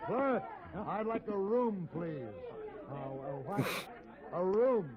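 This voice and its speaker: An actor playing Paladin, a calm, self-assured gentleman gunfighter, in a 1950s radio drama with a muffled old broadcast sound. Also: high-pitched, slow, crowd noise, full character voice. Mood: insistent. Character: cool, polished gentleman gunfighter, adult male.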